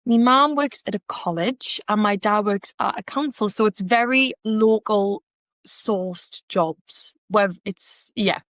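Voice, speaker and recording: A young woman from Gateshead in North East England speaks with a Geordie accent as a podcast guest in a casual interview, with lots of restarts and fillers. Her medium-pitched, fairly bright voice moves slowly, and there is no room sound.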